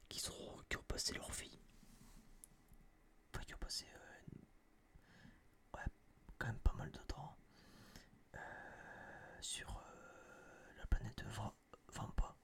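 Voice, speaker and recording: A young man does a blunt, rambling, casual film review for his ASMR channel, whispering up close to a binaural microphone. His unvoiced, breathy whisper comes across a bit bright.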